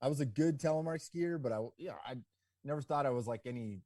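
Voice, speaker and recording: A ski business owner of around forty, appearing as a podcast guest, tells his story in a relaxed, rambling way packed with "like" and "you know." He talks fast in a mid-range voice, and the recording is dry with studio quality.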